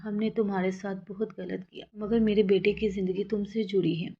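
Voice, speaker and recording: A woman's voice: medium pitch, flat delivery, breathy edge, highs cut off. A woman reading the part of an older mother, begging through tears.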